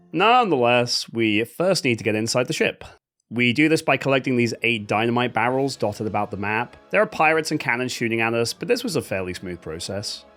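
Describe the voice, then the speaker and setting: Man, game commentary voice-over, sarcastic and wry, lively swooping pitch, faint game music underneath. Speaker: gaming video host. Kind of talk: comedic gameplay commentary voice-over.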